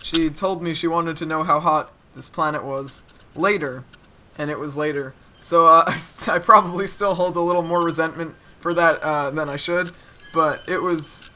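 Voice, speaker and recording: A young man with a bright, ringing voice recounts a childhood story in a relaxed, chatty vlog. He pitches a little higher than most men and pokes gentle fun at himself as he talks. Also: a little hiss or hum. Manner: chatty, self-deprecating, relaxed. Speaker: cubing YouTuber. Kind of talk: casual storytelling to camera.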